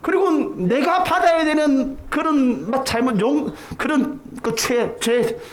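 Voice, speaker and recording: A man's voice: very high voice, slow. A middle-aged man from Korea preaching a sermon, telling a childhood story and acting out the voices in it. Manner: animated storytelling, acts out quoted voices. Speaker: pastor.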